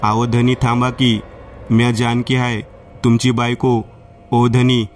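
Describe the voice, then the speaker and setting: A village wife calls after her husband in a pleading, rustic way, voiced by a man reading a horror story. Her lines come in a flat, even voice at a middling pitch. Faint hiss underneath. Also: slow pace, close to an everyday voice.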